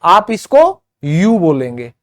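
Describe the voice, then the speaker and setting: A man's voice: a little high, wildly swooping pitch. A man teaching English pronunciation, saying each example word on its own and then explaining it, and talking directly to his viewers. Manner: slow, deliberate word-by-word drilling with glosses; addresses viewers as friends, asks them to comment. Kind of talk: spoken English pronunciation lesson.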